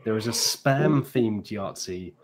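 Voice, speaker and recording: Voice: medium pitch, lively intonation, slow, a little hiss or hum. A stream co-host giving wry, dry explanations in casual chat.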